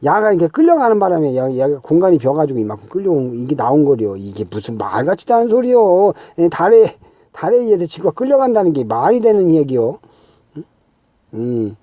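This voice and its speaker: A man's voice: on the high side, big pitch swings, fairly quick, dark tone, no room sound. A middle-aged man, talking through a rambling, exasperated explanation, full of fillers and rhetorical "huh?" checks. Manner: exasperated, scoffing, filler-heavy with constant "ye" and "eung?". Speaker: channel host.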